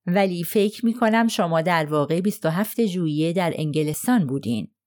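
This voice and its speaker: Reading from an audiobook, a woman gives voice to a stern, chilly male lawyer who presses a witness hard. She speaks in a somewhat low, lively tone that is slightly mellow and natural.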